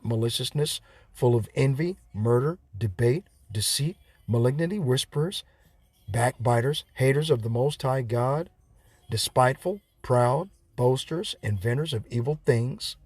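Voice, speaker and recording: A man reads and preaches scripture from home in a rambling, preachy way, breaking off into profane asides. His voice sits at an ordinary middle pitch. The sound is dry and close, with no room echo. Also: a little mellow. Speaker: self-styled preacher. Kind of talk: home video Bible teaching.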